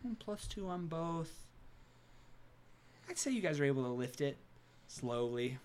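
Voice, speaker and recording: A man's voice: fairly high pitch, sing-song, unhurried, a little mellow, clear, resonant tone. A man narrating a tabletop game as game master, improvising in a theatrical way.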